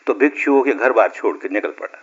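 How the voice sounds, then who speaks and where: A man's voice: fairly low pitch, brisk, husky. A man giving a spiritual discourse, telling parables in a folksy way and acting out the dialogue. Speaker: meditation teacher. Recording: dull lo-fi recording.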